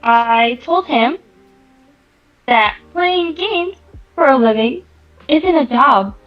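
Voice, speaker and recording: A young woman reading a story aloud slowly and chatting casually as a guest. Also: high voice, animated. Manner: slow, measured reading. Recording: dull lo-fi mic with music behind.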